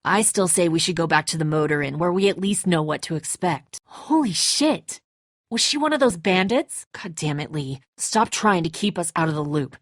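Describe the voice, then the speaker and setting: An actress voices a tense, defensive woman leading a group of survivors in a dramatic video game, sounding blunt, confrontational, exasperated, uneasy and suspicious. Her lowish voice has lively intonation at normal speed, captured dry with clean studio sound.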